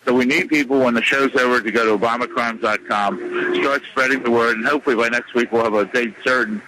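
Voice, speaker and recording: A man speaking as a radio guest, insistent and combative, repeating his points with many pauses and fillers. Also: mid-range voice, fairly even intonation, background noise. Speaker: radio show guest, lawyer. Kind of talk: radio interview, phone-in.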